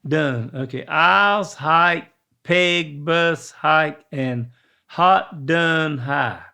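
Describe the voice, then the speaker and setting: A man with a forward, bright tone speaks at a slow pace and a slightly raised pitch. He is hesitant and casual, trying out phrases aloud as he plays a guessing game. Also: gravelly, clear, resonant tone. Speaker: player in a family word-guessing game.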